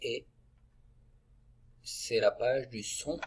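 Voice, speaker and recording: A man with a husky, slightly breathy voice leads a reading lesson for small children. He speaks slowly and carefully, drawing out each syllable so young listeners can follow along. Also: mid-range voice. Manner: slow, clearly articulated, sounding out syllables. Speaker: teacher.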